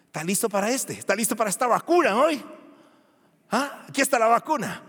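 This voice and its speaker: Lively-pitched man preaching in a hall. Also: a little fast, slightly rough. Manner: animated preaching, asks the congregation questions. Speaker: pastor. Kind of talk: sermon.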